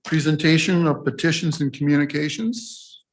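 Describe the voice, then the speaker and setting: A man's voice: a little high, steady tone, moderate pace, a little hiss or hum. A man chairing a county board meeting, making brief, formal procedural announcements.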